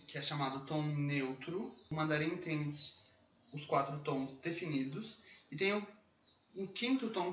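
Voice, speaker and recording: Man teaching Mandarin tones in a roomy echo. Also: fairly bright tone. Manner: explains patiently, often checks in with "né?"; drawls out model syllables slowly and higher when demonstrating tones. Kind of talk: casual video lesson. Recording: roomy, dull lo-fi sound from a distance with faint background noise.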